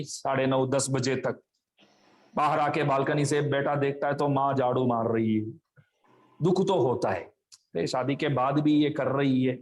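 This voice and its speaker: Male spiritual speaker, fairly high voice, storytelling sermon that voices each character. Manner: acts out family members' quoted lines in a story. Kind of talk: devotional storytelling discourse.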